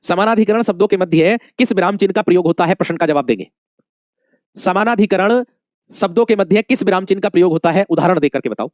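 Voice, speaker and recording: In a dry studio recording, a fast-talking man with a high, darkish voice teaches an exam-prep Hindi lesson. He refers to his students as dear friends, quizzes them, and repeats each answer many times.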